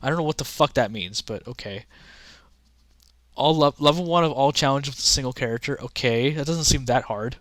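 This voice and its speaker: A man's voice: mid-range voice, brisk, a bit bright, dry recording, clean studio sound. A young man rambling casually to his chat during a livestream, often restarting sentences. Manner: rambling, chatty, talks to chat. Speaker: streamer.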